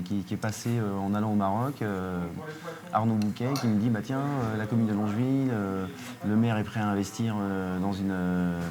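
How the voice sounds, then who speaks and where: A middle-aged man from France who runs a surf school, talking in a casual interview, hesitant with many fillers and restarts. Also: fairly low pitch.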